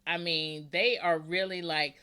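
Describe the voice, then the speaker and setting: Chatty, easygoing woman host; slow, laid-back pacing with frequent laughs. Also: on the low side, fairly even intonation, bright, forceful tone, clear, resonant tone. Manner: chatty, rambling, laughs often. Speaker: podcast host. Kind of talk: casual interview chat.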